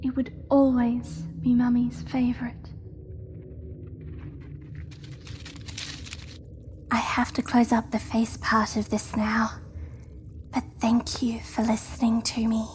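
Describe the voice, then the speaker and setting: In a horror audio drama, a woman plays a young spider creature that seems eerily innocent. Her voice is high and soft-edged with almost no pitch movement, delivered completely flat and lightly acted; she sounds hushed, measured, quiet and devoted against noisy ambience.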